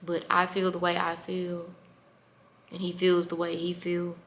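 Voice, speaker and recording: A young woman vlogger telling a personal story in an emotional, animated way. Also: lowish voice, measured pace, a little hiss or hum. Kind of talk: storytime vlog.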